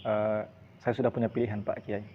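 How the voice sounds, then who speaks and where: A man's voice: on the low side, level tone, a little fast, natural voice. A man voicing an earnest young suitor who talks politely and keeps repeating his forms of address, on a dull lo-fi recording with faint hiss.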